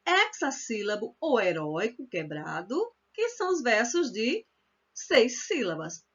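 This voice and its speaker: A woman with a Northeastern Brazilian accent teaching a poetry workshop, explaining patiently and repeating examples slowly. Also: fairly high pitch, very animated, fairly bright tone, slightly rough, highs cut off. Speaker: cordel literature workshop teacher. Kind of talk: online workshop lesson.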